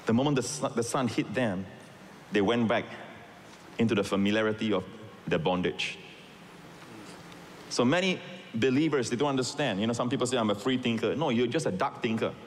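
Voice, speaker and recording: A middle-aged pastor from Singapore who grew up in Malaysia preaches a sermon with emphatic asides and calls to the congregation. His medium-pitched voice is a little fast with frequent pauses, echoing with long reverb in a large hall over a slight hiss or hum.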